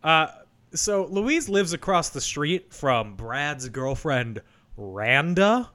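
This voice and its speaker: A man's voice: on the high side, very animated, slow pace, bright, forceful tone. A man co-hosting a podcast, chatting casually as he recaps a movie. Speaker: podcast co-host.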